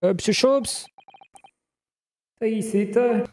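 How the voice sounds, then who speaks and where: Man doing a high, bright-free puzzled young man. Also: unhurried. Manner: hesitant, questioning reading. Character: polite, puzzled young man in a detective game. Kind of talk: amateur live dub of a video game. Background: game music.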